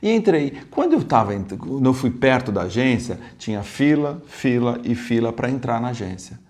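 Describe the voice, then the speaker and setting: A man from Brazil at an ordinary mid pitch recounts a travel story straight to camera. He talks in a lively, meandering way, jumping up and down in pitch and loudness. He keeps restarting his sentences and adding asides as he goes. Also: moderate pace. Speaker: travel vlogger. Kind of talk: casual storytelling.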